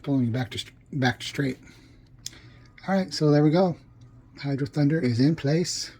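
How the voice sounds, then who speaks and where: A man's voice: mid-range voice, dark tone. Guy filming his home game room, chatty, lots of ums, voice a bit off from tonsil surgery. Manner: rambling, chatty, with frequent fillers and restarts. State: voice slightly off after tonsil surgery. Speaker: arcade collector vlogger. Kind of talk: casual walkthrough vlog.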